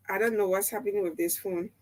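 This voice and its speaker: A woman's voice: medium pitch, fairly even intonation, a little fast. A Liberian woman hosting a live phone-in with a three-way phone call, informal and hesitant, repeating herself. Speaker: radio talk show host juggling a three-way phone call. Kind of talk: casual live phone-in chat.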